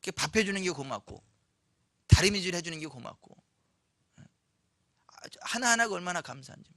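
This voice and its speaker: High bright-voiced male pastor preaching. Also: brisk, no echo. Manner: animated storytelling, acts out quoted voices, asks the congregation questions. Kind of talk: sermon. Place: church sanctuary.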